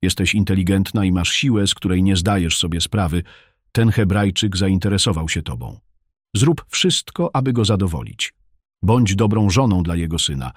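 A man's voice: sits low, animated, moderate pace, slightly rough, no room sound, clean studio sound. A man reading an audiobook, voicing a stern mother who commands her daughter to obey. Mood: persuasive.

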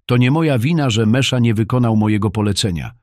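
Brief: man doing a tired, calm grown son muttering, low dry voice, storybook reading. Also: moderate pace, no echo. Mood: weary.

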